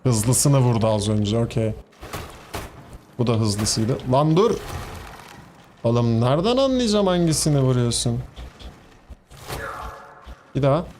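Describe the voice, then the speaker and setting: A mid-pitched man with a Turkish accent streams a game and keeps up loose, chatty commentary, scolding enemies and joking with his viewers. A faint hiss sits under his voice. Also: lively intonation, a little slow, pauses often, a little mellow. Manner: chatty, talks to the game's enemies and to viewers, laughs easily. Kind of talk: casual gameplay commentary.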